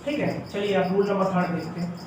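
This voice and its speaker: Male teacher, high voice, explains rules step by step; recorded from a distance in a bare echoing room. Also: fairly quick, background noise. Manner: explains step by step, often says "ठीक है". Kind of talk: classroom grammar lesson. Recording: echoey room, voice from far off.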